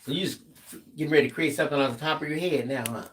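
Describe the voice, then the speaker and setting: A man's voice: fairly high pitch, very fast. Easygoing man reading viewer comments aloud. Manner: relaxed, reads comments aloud, jokey asides. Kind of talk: live stream co-host chat.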